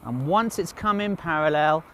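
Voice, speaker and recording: A man's voice: on the high side, expressive, normal speed, a little hiss or hum. A middle-aged man teaching as a ski instructor outdoors, talking to the camera in an encouraging, reassuring manner. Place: outdoors on a snowy mountain ski slope.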